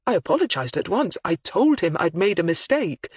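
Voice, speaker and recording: A man's voice: high voice, sing-song, moderate pace, slightly rough, no echo, heavily acted. A narrator voicing an older male academic who speaks in a wavering, hesitant, apologetic way. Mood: pained, defensive.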